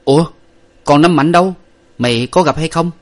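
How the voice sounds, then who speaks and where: Man doing young gentleman master, commanding, curt orders, slightly raised voice. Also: fairly high pitch, normal speed, pitched above the performer's own voice, natural voice.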